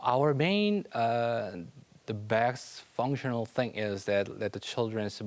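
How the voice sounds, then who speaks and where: A man with a Korean accent speaking halting, non-native English with loose grammar as a company chief being interviewed. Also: medium pitch. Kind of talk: studio interview.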